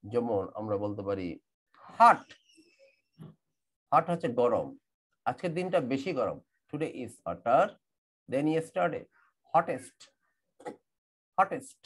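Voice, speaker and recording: A man's voice: mid-range voice, very animated, fairly bright tone. Bangladeshi guy teaching english online, voice goes up and down a lot, says words over and over. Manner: explains grammar rules slowly, repeating words and spelling them out. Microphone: computer mic in an online class.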